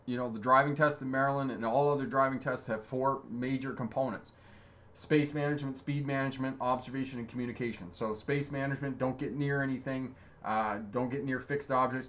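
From a little home studio with signs hung on the wall, an Ontario-born man in his fifties hosts a casual webcam stream as a driving instructor, reading out viewer comments and replying with cheerful encouragement. He speaks briskly in a steady, mid-range, fairly bright voice, with a slight hiss or hum in the background.

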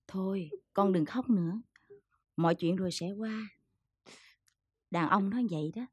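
An actress playing a stern but caring middle-aged mother with a husky voice and a Southern Vietnamese accent, consoling and scolding her daughter. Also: medium pitch, unhurried, no echo. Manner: consoling, then gently scolding.

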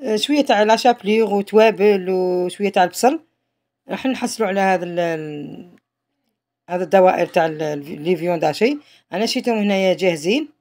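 With long pauses between fast bursts, a woman with an Algerian Arabic accent chats through a home cooking tutorial, often letting phrases trail off. The home cook's voice is fairly low in pitch with a darkish tone.

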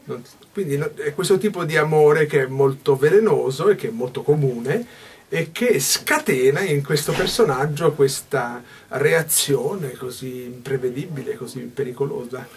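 Reflective gravelly man in his fifties. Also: a little high, normal speed, slight background noise. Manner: reflective, gestures a lot, restarts mid-phrase. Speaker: stage actor. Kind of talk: backstage interview. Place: small dressing room indoors.

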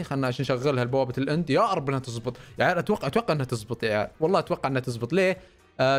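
Animated high-voiced gamer. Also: male voice. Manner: animated, swings between muttering and excited shouts. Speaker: gaming YouTuber. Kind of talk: Minecraft let's-play commentary. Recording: faint background music.

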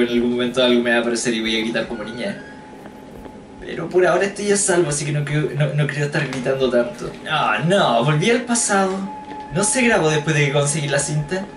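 A let's play gamer with a mid-range voice jokes and thinks aloud while exploring a game. He sounds far from the mic in a roomy, echoey space, with game music and other noise behind him.

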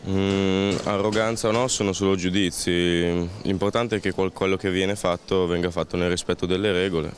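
A man in his thirties giving calm, reasoned answers into a handheld mic on a busy town street. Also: low voice, normal speed, few pauses. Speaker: street interviewee. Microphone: handheld interviewer mic.

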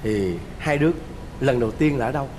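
A man's voice: medium pitch, fairly quick, darkish tone. A middle-aged man, hosting a talk show and interviewing guests. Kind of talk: presenting and interviewing. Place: TV studio stage. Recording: reverberant hall, faint noise.

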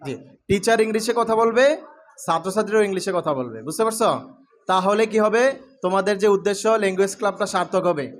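A man teaching English to a room of schoolchildren, asking questions and calling out letters loudly. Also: sits high. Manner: calls out questions and drills the class, often loudly. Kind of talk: classroom lecture to students. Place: classroom with pupils.

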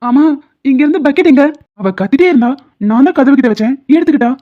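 A woman voicing an easygoing, joking brother-in-law in an animated series. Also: sits high, fast talker. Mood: jokey. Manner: easygoing, jokey. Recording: phone-like lo-fi sound, faint music.

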